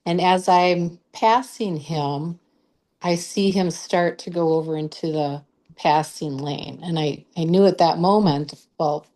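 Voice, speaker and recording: Slow, mellow-voiced woman guest. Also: fairly low pitch. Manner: slow, hesitant, many fillers. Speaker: guest, Reiki practitioner and author. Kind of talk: interview storytelling.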